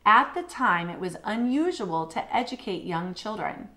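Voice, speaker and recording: A woman's voice: medium pitch, sing-song, moderate pace, pushed and bright. A woman co-hosting a casual podcast, chatting and reading short quotes aloud with fillers and restarts. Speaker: podcast co-host.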